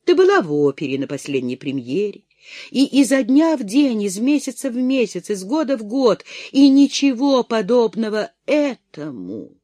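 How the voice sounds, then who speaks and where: A reader voicing a torn young gentleman who speaks to the woman he loves in a muffled, restrained way in an audiobook. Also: sits high, sing-song, normal speed, no echo, clean studio sound, voice pushed up. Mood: bitter. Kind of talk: audiobook character voice.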